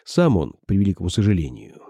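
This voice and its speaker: A man narrating a first-person audiobook in a measured storytelling delivery. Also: deep voice, wildly swooping pitch, creaky, warm tone, dry recording, clean studio sound. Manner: measured, storytelling delivery that shifts into character dialogue.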